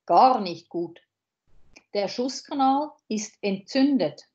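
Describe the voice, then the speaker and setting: Brief: woman reading a gruff doctor, slow and mellow, dull lo-fi sound. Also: mid-range voice, lively intonation. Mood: blunt. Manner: read aloud slowly from a novel. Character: gruff middle-aged male village doctor, blunt.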